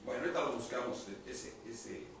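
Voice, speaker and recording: A man's voice: mid-range voice, brisk, gravelly, crowd noise. A man preaching a sermon as pastor, often asking the congregation questions and repeating key words. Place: church hall. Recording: echoey room, voice from a distance.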